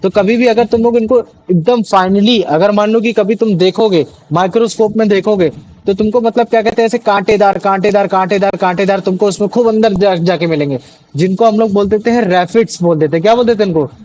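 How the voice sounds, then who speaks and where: Brief: male tutor, high pitch, chatty, keeps quizzing students, mix. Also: fairly quick, a little mellow, highs cut off. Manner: chatty, repeats questions to students, many fillers. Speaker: teacher. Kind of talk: classroom biology lesson.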